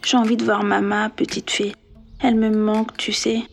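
Woman doing a little storybook boy, high and childish. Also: very animated, takes it slowly, soft background music. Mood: tearful, sorry. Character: small boy, scared then sorry.

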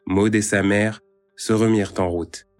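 Low-voiced man reading a children's tale. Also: fairly even intonation, measured pace, darkish tone. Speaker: storyteller. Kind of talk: children's story narration. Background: faint music.

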